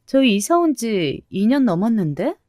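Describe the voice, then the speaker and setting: A woman voicing a snobbish sister-in-law near forty who talks down to others in a slow, mocking drawl. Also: on the high side, very animated, a little mellow, no room sound, studio quality, pitched above the performer's own voice. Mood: sneering. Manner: mocking, condescending, drawn-out.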